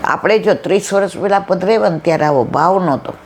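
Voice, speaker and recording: A woman giving a devotional satsang talk, telling stories and acting out the dialogue lively. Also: fairly low pitch, quick pace, slight background noise. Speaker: satsang speaker.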